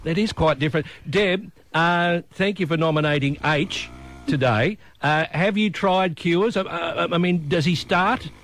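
A man's voice: a little high, a little slow, a bit bright, slight background noise. An older Australian man hosting local radio with casual, matey, self-deprecating breakfast chat. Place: radio studio.

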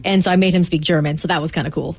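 A woman co-hosting a radio show, chatting candidly with her co-hosts. She talks at a quick clip in a mid-range voice. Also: on the low side, fairly even intonation, a little mellow, husky. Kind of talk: casual radio banter.

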